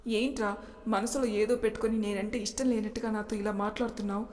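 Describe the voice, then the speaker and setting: A woman's voice: mid-range voice, fairly even intonation, fast, darkish tone, natural voice. Tearful pleading young woman, read by the narrator, echoey. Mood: angry, tearful. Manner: pleading, crying. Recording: long reverb.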